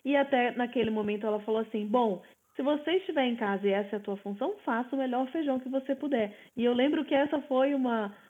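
A woman co-hosting a casual podcast chat, sharing reflective stories. Her voice sits a little high, and it comes through a narrow, phone-like line. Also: fast, hardly any pauses. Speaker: podcast co-host. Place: at home in the United States.

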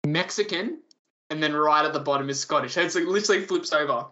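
A man's voice: on the high side, quick pace, pushed and bright, muffled recording. A man hosting a casual chat among friends, reading out a ranked list and teasing the others.

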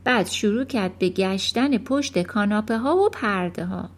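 A woman reading a children's novel aloud in an expressive storytelling manner. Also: mid-range voice. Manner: expressive, animated. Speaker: audiobook narrator.

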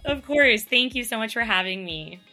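Canadian woman in her late twenties, podcast guest, bubbly and quick, crisp bright tone. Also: fairly high pitch, expressive, soft background music. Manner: bubbly, quick, laughs often, says like a lot. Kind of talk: casual interview chat.

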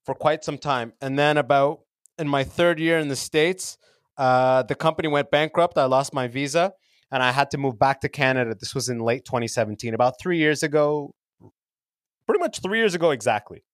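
A man's voice: mid-range voice, brisk, dry recording, clean studio sound. A man from Sudan in his thirties, a comedian guest chatting casually on a podcast from his basement, joking and laughing between lines. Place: home basement.

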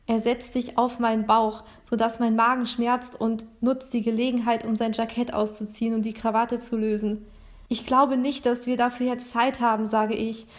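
A woman narrates a first-person story, reading it aloud in a plain, earnest way. Her voice sits a little higher than most women's.

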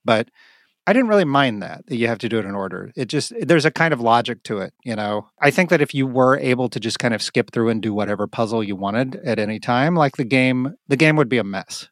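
An excitable man in casual podcast chat, swearing freely and laughing as he goes. His voice is mid-pitched and sits in a dry, close room. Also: a little fast, no room sound. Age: adult, married. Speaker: podcast co-host.

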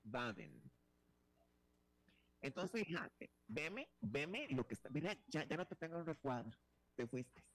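A man's voice: fairly high pitch, very animated, measured pace, vocal fry, pauses often, a bit bright, no echo. A man hosting a talk show, teasing his co-host in a flamboyant, chatty way with many restarts. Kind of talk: playful talk-show banter.

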